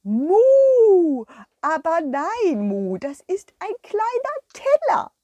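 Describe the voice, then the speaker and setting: Brief: sweet, clumsy cow girl, voiced by a woman, high and sing-song, slow and mooing, in a dry, close sound. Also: wildly swooping pitch, dark tone, no room sound, full character voice. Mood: cheerful. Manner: moos between words, drawn out. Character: sweet clumsy short-sighted female cow.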